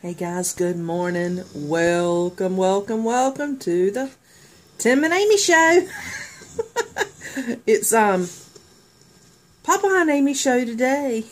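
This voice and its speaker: A woman's voice: fairly high pitch, lively intonation, slow pace, pauses often. A woman, chatting casually to the camera, laughing often. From southern United States. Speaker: vlogger. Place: in a car, then at home indoors. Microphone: phone camera at arm's length.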